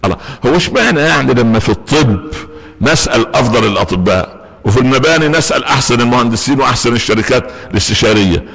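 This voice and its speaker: A man's voice: medium pitch, animated, racing, vocal fry, a bit bright, husky, long reverb tail. A man with an Egyptian Arabic accent giving a Friday sermon in a mosque. He tells the story in a humorous, conversational way and makes asides to the congregation. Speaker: preacher.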